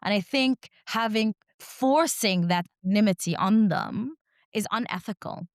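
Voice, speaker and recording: A woman whose native language is Arabic speaks as an academic guest in a reflective interview, measured in delivery and often closing a point with a rhetorical "right?". Her pitch is medium, and the studio-quality recording has no echo.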